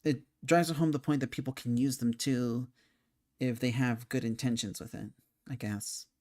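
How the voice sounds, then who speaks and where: A young man chatting casually about a video game, thinking out loud as he goes. He rambles, trails off and restarts his sentences, with a hiccup slipping in here and there. His voice sits at an everyday middle pitch for a man. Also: fairly even intonation, moderate pace. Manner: rambling, frequent fillers and restarts, thinking aloud. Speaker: game commentator. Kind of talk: casual spoken game discussion.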